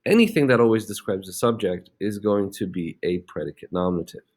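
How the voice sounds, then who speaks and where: A man's voice: lowish voice, fairly quick, darkish tone. A man teaching a grammar lesson, explaining step by step with frequent "okay?" checks and fillers. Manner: plenty of fillers and restarts.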